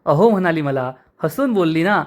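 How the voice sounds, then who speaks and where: A man's voice: a little high, normal speed, lightly acted. Man reading an easygoing young husband. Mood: amused. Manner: relaxed, amused.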